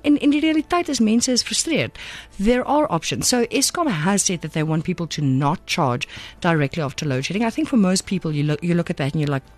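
A woman's voice: mid-range voice, no room sound. A South African woman presenting on radio, explaining casually and slipping between two languages. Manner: switches between English and Afrikaans.

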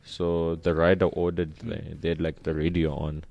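A man's voice: sits low, level tone, vocal fry, lo-fi sound. A man co-hosting a casual chat show, teasing his friends with running jokes. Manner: jokey, drawn-out teasing. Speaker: podcast co-host.

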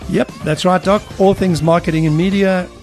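A jovial man in his sixties, co-hosting a podcast in an energetic, chatty presenter manner. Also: high voice, normal speed, faint music behind. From South Africa. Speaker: podcast co-host. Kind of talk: casual podcast chat.

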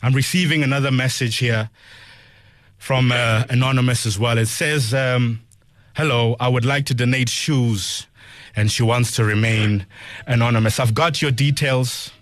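A man's voice: medium pitch, fairly even intonation, normal speed, dry recording. A South African man presenting a morning radio show like a DJ, speaking earnestly and emphatically, repeating phrases as he appeals to listeners. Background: music under the voice.

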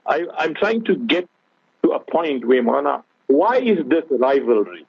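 This man, a guest scholar with a South African accent, delivers an earnest religious talk on the radio and frequently addresses the host. His medium-pitched voice swings widely in pitch, moves at a moderate pace, and has a creaky quality. A crowd can be heard behind him, and the broadcast sounds tinny and phone-like.

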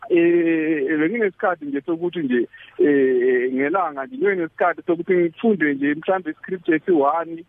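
Male caller, South African Zulu accent, high pitch, tinny phone sound; halting, repetitive testimony mixing English and Zulu. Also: sing-song, creaky. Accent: South African Zulu-language. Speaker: caller to a religious radio show. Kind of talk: personal testimony, casual and conversational. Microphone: telephone.

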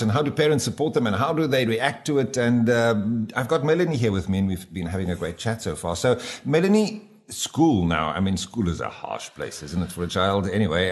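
A man with a South African accent hosting a conversational radio interview. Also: fairly low pitch. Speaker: radio host.

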